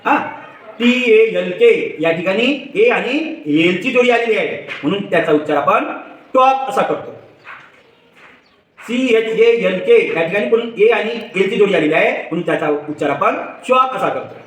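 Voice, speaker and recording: Man teaching kids phonics, spells letters slow, asks then answers, roomy echo. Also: sits high. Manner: asks the viewer questions and answers them himself. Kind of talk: classroom phonics lesson. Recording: echoey room, far from mic.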